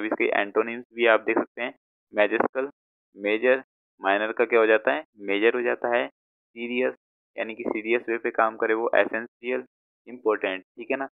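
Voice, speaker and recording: A man's voice: fairly low pitch, clear, resonant tone, dry recording, phone-quality sound. A man with an Indian accent teaching vocabulary, explaining word meanings patiently, mixing Hindi and English and often checking that the listener follows. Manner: patient, repeats words, frequent check-ins.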